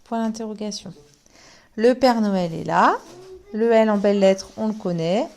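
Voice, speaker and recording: A woman's voice: mid-range voice, darkish tone. A woman teacher giving a remote handwriting lesson, spelling out letters one at a time as she writes. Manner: slow, spells letters out one by one while writing.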